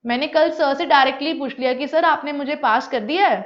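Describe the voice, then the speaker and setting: Brief: woman English teacher, high voice, unhurried explanations, slightly dull lo-fi sound. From India. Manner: explains lines plainly, mixing two languages. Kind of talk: lesson explanation. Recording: dull lo-fi recording.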